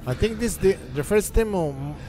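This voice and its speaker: A man's voice: high voice, expressive, brisk, noisy background. A man streaming gameplay, commenting casually in broken English with a friendly, chatty manner. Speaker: livestreamer.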